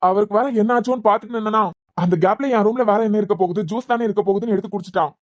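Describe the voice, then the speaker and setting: A woman voices an exasperated young man in a cartoon web series, talking fast and sarcastic with a Kanyakumari Tamil accent. Her mid-range voice sounds close and dry. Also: mid-range voice, no room sound, close to an everyday voice. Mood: explaining. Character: exasperated young man, patient but fed up.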